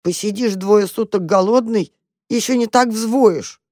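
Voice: mid-range voice, moderate pace, darkish tone, dry recording, studio quality, pitched above the performer's own voice, lightly acted. A storyteller voicing a frightened, starving female cat who whines and pleads in a tearful voice. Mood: whining, pleading.

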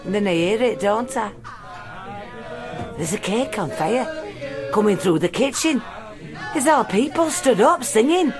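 A middle-aged woman performing a brash comic monologue, swinging from loud to quiet. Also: on the high side, animated, a little slow, pauses often, over music. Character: brash middle-aged female ex-reality star. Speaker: solo stage performer.

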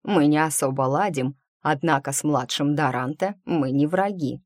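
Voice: medium pitch, normal speed, no room sound, studio quality, close to an everyday voice. A reader voicing an old wry magic master. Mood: grim, firm. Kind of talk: audiobook character reading.

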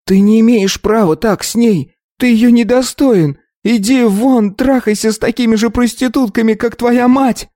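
A man voicing a scrawny bespectacled eighteen-year-old boy who hurls shrill taunts. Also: normal speed, hardly any pauses, dark tone, no room sound, studio quality. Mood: indignant. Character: scrawny bespectacled teenage boy, jeering and provocative.

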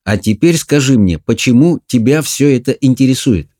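A stern, suspicious mother in an audiobook who scolds firmly, as a male narrator puts her on. The voice is lifted well above his own, with a mellow, dark tone. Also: medium pitch, expressive, normal speed, voice pushed up, close to an everyday voice. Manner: firm, scolding.

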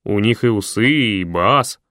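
A man's voice: lowish voice, lively intonation, a little slow, sharp tone, dry recording. Male reader doing a rude snarling sadist machine, dry close sound. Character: crude sadistic machine, gruff man.

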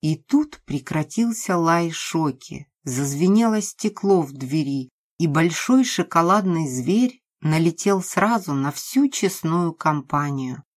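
Female audiobook narrator, low voice, expressive dramatic reading. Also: takes it slowly, few pauses.

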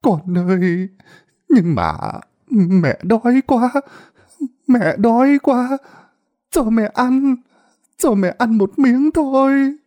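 A man's voice: very high voice, sing-song, slow, mellow, voice pushed up, heavily acted. A man voicing a frail, starving old mother who pleads in a whimpering, wailing voice. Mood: pleading.

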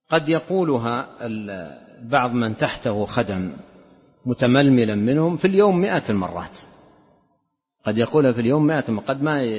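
A man giving a religious lesson, explaining a narration in a measured way and often repeating or restarting words. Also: mid-range voice. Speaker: Islamic scholar teaching a lesson. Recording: dull lo-fi lecture recording with long hall reverb.

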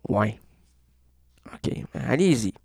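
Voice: medium pitch, takes it slowly, slightly rough, no echo, pitched below the performer's own voice, heavily acted. A performer voicing a dry, pedantic male radio host in a comedic sketch. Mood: deadpan. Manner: deadpan, flat, nitpicking.

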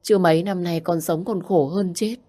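A woman's voice: fairly low pitch, steady tone, moderate pace, mellow, pitched above the performer's own voice, lightly acted. A woman voicing a worn-out young daughter who speaks in an anguished, raised voice.

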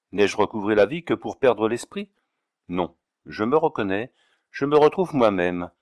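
A man's voice: mid-range voice, no room sound, studio quality, close to an everyday voice. A man reading aloud, voicing an impetuous young male colonel who speaks in a declamatory, passionate way.

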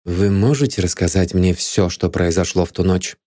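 A steady male detective who questions calmly and turns stern when needed, as the narrator reads him. His voice stays near the narrator's own and sounds level and deliberate. The recording is close and dry. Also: low-pitched, no room sound. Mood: measured. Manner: calm and measured.

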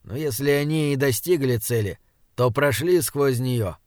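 A man's voice: medium pitch, unhurried, no echo. Man narrating fantasy audiobook, dry close sound. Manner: steady, dramatic reading. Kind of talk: scripted narration.

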